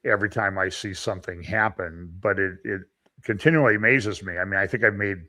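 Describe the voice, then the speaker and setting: A man who is a lawyer, hosting a conversation and telling stories in a measured, skeptical way. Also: fairly low pitch, sharp tone. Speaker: host and lawyer. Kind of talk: conversational commentary.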